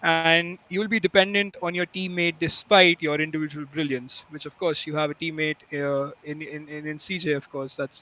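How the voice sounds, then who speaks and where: A man's voice: on the high side, a bit bright, rough recording. A man who hosts an interview, rambling and full of fillers as he works toward his questions. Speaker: host. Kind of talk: casual interview hosting.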